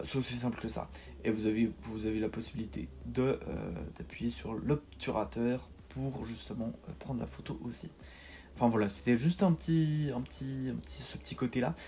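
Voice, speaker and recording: A man's voice: medium pitch, warm tone. A man giving a casual, hesitant voice-over tutorial for a video game, with many fillers and repeated words. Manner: self-deprecating. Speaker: gaming tutorial host.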